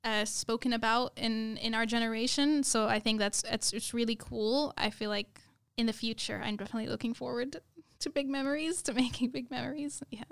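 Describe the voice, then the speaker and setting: An earnest, effusive young woman is an interview guest, speaking a little fast in a steady tone. Her voice is fairly high, clear, and smooth, and she talks conversationally, doubling words for emphasis.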